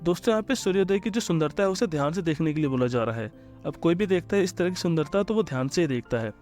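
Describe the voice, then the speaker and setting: Indian male teacher, slightly high voice, friendly, slow repeated example sentences, soft music under. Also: animated. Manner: friendly, addresses listeners as friends; repeats each English sentence slowly. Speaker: English teacher. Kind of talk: vocabulary lesson. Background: soft background music.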